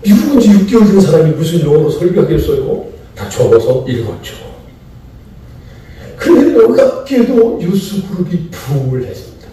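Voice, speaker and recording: A man's voice: a little high, big pitch swings, normal speed, mellow, far from the mic. A middle-aged man from Chungcheong, Korea, preaching to pastors at a seminar. He repeats key phrases and asks rhetorical questions. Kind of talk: sermon-style lecture. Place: large church sanctuary. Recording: echoey church hall, mic from afar.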